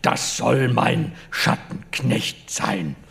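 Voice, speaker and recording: An author reading aloud, voicing a gruff man who poses as a medieval knight and threatens in old-fashioned, pompous speech. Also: animated, fairly bright tone, full character voice. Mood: menacing. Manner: archaic, pompous, drawn-out booming delivery.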